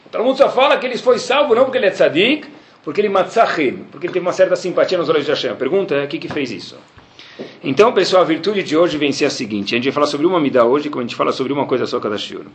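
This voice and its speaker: A man teaching a Talmud class, telling the story animatedly and acting out the characters in quick voices. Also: on the high side, lively intonation, echoey room. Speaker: Torah teacher giving a class.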